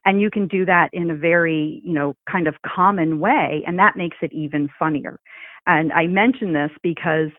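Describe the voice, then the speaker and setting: A woman co-hosting a podcast, chatting casually and telling animated stories with frequent laughs. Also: lowish voice, moderate pace, no echo. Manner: animated storyteller who laughs often. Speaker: podcast co-host. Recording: thin phone-like sound, dry.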